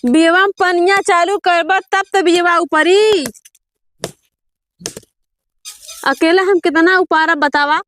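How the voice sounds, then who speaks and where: Fed-up farm wife woman acting, high voice, Awadhi accent, complaining and nagging in a rustic comedy sketch. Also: fairly even intonation, unhurried, a bit bright, slight background noise. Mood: plaintive, nagging. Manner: plaintive grumbling and nagging.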